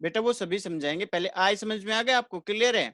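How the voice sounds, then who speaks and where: A man's voice: high-pitched, a little fast, a bit bright, no room sound, studio quality. Male teacher quizzing his online class. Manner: repeats questions to students and answers them himself. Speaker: English grammar teacher.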